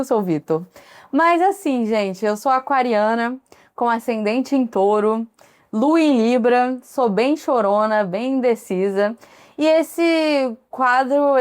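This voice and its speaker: A chatty woman in her thirties from Brazil who hosts a one-person podcast in a relaxed, conversational way. She wanders into asides and tangents, with a voice that sits somewhat high for a woman. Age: 30s. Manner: chatty, digressive, frequent asides. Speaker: podcast host. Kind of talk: casual solo podcast chat.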